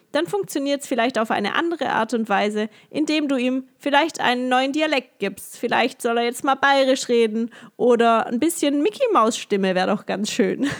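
On a podcast, a yoga teacher and coach with a voice on the high side calmly guides listeners through a coaching exercise. She poses many gentle questions and laughs lightly and often.

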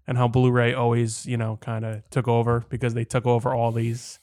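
A man's voice: mid-range voice, completely flat delivery, brisk, darkish tone, no echo, clean studio sound. A man co-hosting a casual podcast chat, wry and dismissive as he talks about movies. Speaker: podcast co-host.

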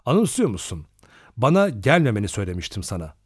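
A gentle, lonely lodger, as a man reads him aloud, speaks in a soft, tender voice. The delivery stays dry and close, with little room sound, and the pitch moves lively. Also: fairly quick, husky, no echo. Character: gentle, kind, lonely middle-aged male lodger.

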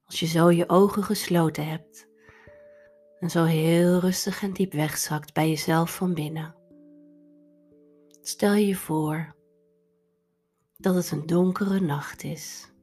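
Slow, soft, breathy woman guiding meditation. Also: on the low side, fairly even intonation. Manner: soft, breathy, soothing delivery. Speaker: guided meditation host. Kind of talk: guided meditation. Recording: voice over background music. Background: instrumental music.

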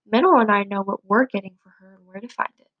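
A woman's voice: mid-range voice, quick pace, dry recording, muffled recording, lightly acted. A protective eldest brother mouse from a storybook gives firm instructions, always in charge. A woman reader voices him in a mid-height voice. It is recorded close and dry.

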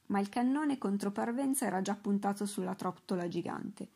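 A woman narrating an audiobook, lively storytelling with occasional slips. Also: mid-range voice, moderate pace, gravelly, slightly rough. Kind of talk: audiobook reading.

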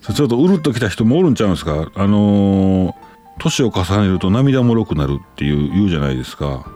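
Kansai guy reading out listener mail, chatty, bouncy pitch. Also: fast, faint music behind. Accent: Kansai Japanese. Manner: chatty, animated, reads letters aloud with asides. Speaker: podcast host reading listener letters. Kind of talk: casual chat.

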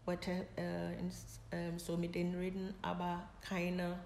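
Middle-aged woman from Ghana, slightly low voice, broken halting German, roomy recording. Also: completely flat delivery, creaky, a little mellow. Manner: halting, broken German with many pauses and fillers. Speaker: interviewee, mother of the host. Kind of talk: personal story told in conversation. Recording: roomy echo with faint noise.

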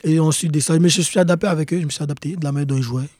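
A man's voice: on the high side, fairly even intonation, rapid-fire, a little mellow, no room sound, clean studio sound. A young man, a professional soccer player, talking casually in an interview and repeating his key points earnestly. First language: not English. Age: young adult. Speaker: guest, pro soccer player.

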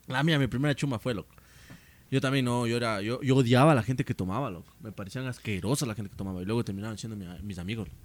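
A man's voice: mid-range voice, rapid-fire. A young man telling a rambling story in a casual podcast chat, full of slang. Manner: rambling, slangy, animated storyteller who keeps saying "loco" and "mija". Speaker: podcast co-host.

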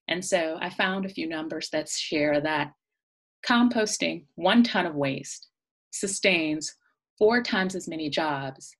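A woman hosting a podcast, chatting casually with fillers and introducing her guest. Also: sits low. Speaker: podcast host.

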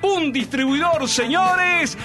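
A man hosting a radio talk show, playful and teasing, tossing in quick remarks. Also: very high voice, music in the background. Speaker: radio host.

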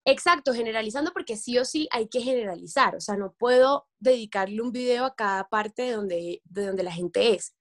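Speaking at a moderate pace with few breaks, a young female content creator from coastal Caribbean Colombia chats as an interview guest. Her pitch is fairly high, and she plays out quotations in spirited voices.

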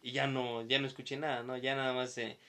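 A man's voice: mid-range voice, flat delivery, a little fast, sharp tone. A young man with a Mexican Spanish accent telling a story in casual chat, acting out quoted voices and laughing often.

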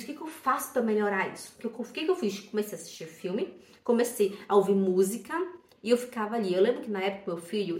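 A Brazilian woman teaching German, talking casually and telling stories with lively quoted asides and frequent "né?" tags. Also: fairly high pitch. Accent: Brazilian Portuguese. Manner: lively storytelling, quotes herself and others, many "né?" tags. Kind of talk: casual spoken lesson to camera. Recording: echoey room.

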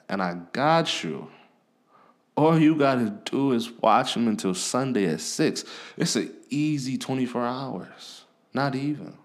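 A man hosting a podcast, talking in a blunt, profane, casual rant. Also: mid-range voice. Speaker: podcast host. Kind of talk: casual ranting monologue.

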